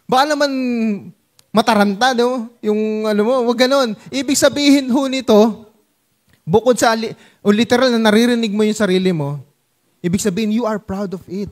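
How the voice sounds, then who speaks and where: A man's voice: sits high, normal speed. A Filipino man preaching a sermon to his congregation in a playful Taglish style, acting out small scenes. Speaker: pastor.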